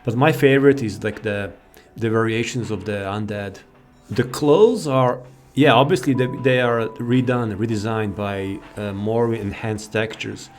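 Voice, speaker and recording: With faint game music behind him, a gaming video host shows off a modded game in an unhurried, fairly low voice. He rambles informally and drifts off topic easily.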